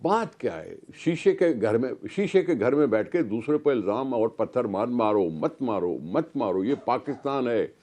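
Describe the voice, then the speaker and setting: A man's voice: mid-range voice, animated, normal speed, hardly any pauses. A man with a Pakistani Urdu accent, a political guest making a heated, argumentative case on a talk show. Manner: forceful, rhetorical questions.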